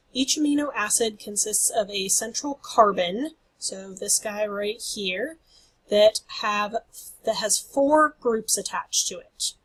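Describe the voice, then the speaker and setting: A woman instructor with a slightly high, husky voice delivers a recorded slide lecture in an explanatory way. Her voice is failing and she apologizes for it, and the recording is rough.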